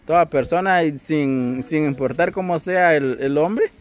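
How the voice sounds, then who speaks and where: A man's voice: a little high, unhurried. A man conducts a casual interview. He asks his questions plainly and reflects aloud with his own opinions. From Guatemala.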